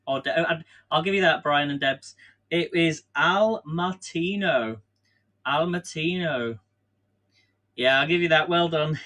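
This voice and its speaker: With a slightly high, slow voice that sounds pushed and bright, an English man bakes at home on a live stream. He chats, runs a quiz, rambles and laughs at his own expense often. The audio is recorded by a camera on a stand.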